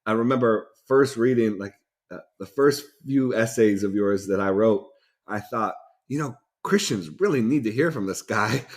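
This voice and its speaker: Friendly halting male podcast host. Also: lowish voice. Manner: friendly, halting, with many fillers and restarts. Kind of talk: conversational podcast interview.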